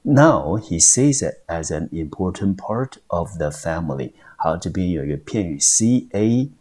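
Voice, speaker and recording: A man's voice: deep voice, lively intonation, measured pace, a little mellow. A man teaching English vocabulary in Taiwanese Mandarin, explaining words step by step and spelling out their syllables. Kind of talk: vocabulary lesson.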